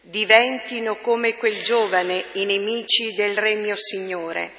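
A woman reads scripture at a slow, measured pace. Her voice is gravelly and bright. It carries a long church reverb. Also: medium pitch. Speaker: lector. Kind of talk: scripture reading and psalm.

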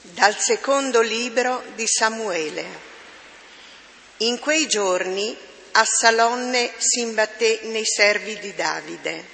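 A woman reads scripture at a slow, measured pace. Her voice is gravelly and bright. It carries a long church reverb. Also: on the high side, slight background noise. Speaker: lector. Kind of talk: scripture reading and psalm.

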